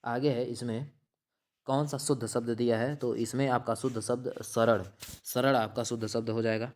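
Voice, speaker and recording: A man explains quiz answers one after another in a plain, mid-pitched voice. He repeats each term and checks in with the listener as he goes. He often breaks off mid-word to correct himself. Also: fairly even intonation, normal speed, a little mellow. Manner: repetitive, checks in with "theek hai". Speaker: exam-prep teacher.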